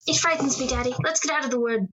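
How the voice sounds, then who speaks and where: Give me a woman playing a clinging, high-voiced daughter in a vintage radio play. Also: fast talker, very noisy, natural voice. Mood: uneasy. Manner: affectionate, teasing, then pleading. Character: young woman Margaret, playful and clinging. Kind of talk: radio drama acting. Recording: old radio recording.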